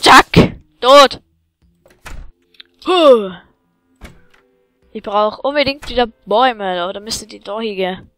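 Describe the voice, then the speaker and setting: A woman giving excitable let's-play commentary, yelling at enemies and chatting to viewers, with faint game music behind. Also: mid-range voice, measured pace, pauses often, rough recording.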